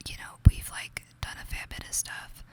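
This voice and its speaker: In a whisper at a moderate pace, a young adult woman with a New York accent shares a gossipy ASMR story. The creator sounds chatty and confiding, and "like" comes up often.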